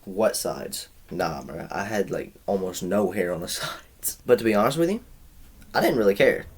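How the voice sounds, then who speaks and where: A man's voice: sits low, lively intonation, normal speed, breathy edge. A young man in his twenties telling a rambling, profane storytime, heavy on slang and filler. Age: 20s. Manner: rambling, profane, slangy, says bro a lot. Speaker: vlogger. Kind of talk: casual storytime chat.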